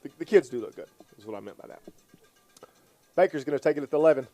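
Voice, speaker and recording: A man giving color commentary on high school football radio, folksy and joking. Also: animated, warm tone, no echo, faint music behind. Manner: folksy, joking, quick to laugh.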